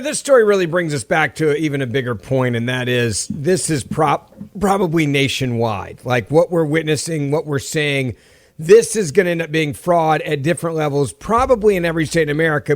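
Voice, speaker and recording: Brief: man with hiccups, chatty joking co-host, slightly higher voice, dry sound. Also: dry recording. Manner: joking, chatty, reacts with short agreements. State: has the hiccups. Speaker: podcast co-host. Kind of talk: casual podcast banter.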